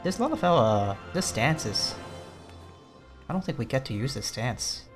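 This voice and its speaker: This let's play host has a mid-range voice that is very animated, moving at a moderate pace. Even so, his rambling commentary stays casual and understated as he thinks aloud, with music in the background.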